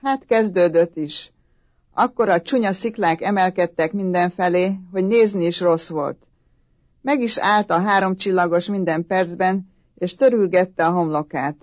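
Female storybook narrator, calm even delivery, lowish voice, dull dry recording. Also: no room sound. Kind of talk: storybook reading. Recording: dull, dry audiobook sound.

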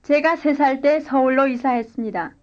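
A woman reading a scripted language-lesson dialogue and drill answers in clear, careful model sentences. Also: high voice, normal speed, dull audio. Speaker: language course speaker.

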